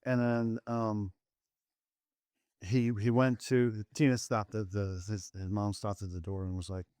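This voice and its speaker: A man's voice: lowish voice, a little slow, smooth, dry recording. Storytelling middle-aged man, dry close sound. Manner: animated storyteller, acts out both sides of a conversation. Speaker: father and podcast co-host. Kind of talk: casual storytelling chat.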